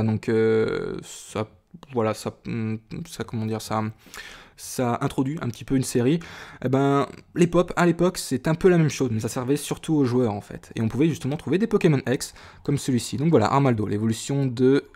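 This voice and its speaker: A man's voice: mid-range voice, mellow. A man giving casual, enthusiastic unboxing commentary as a video host, often hesitating with fillers and exclaiming in wonder. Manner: hesitant, many fillers and restarts. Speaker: YouTuber opening a trading card tin.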